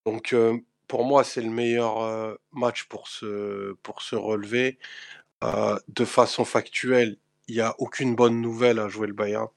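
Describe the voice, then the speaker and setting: A man co-hosting a football stream, talking in a measured, analytical way with some fillers. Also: on the low side, flat delivery, creaky, no room sound, clean studio sound. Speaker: co-host, football fan. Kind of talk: casual chat.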